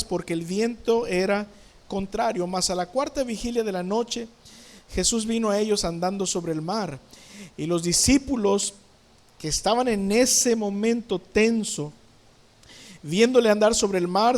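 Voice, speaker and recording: A male pastor preaches a sermon in church. His voice sits high, and he keeps asking the congregation questions. He brings scenes to life with sudden sound words.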